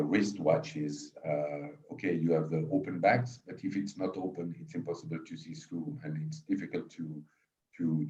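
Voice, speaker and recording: Man, middle-aged, from Switzerland, executive guest, halting with fillers, distant, dull lo-fi sound. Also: deep voice, dark tone. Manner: halting, repeats words, many fillers. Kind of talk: conversational interview. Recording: distant, roomy, dull remote audio.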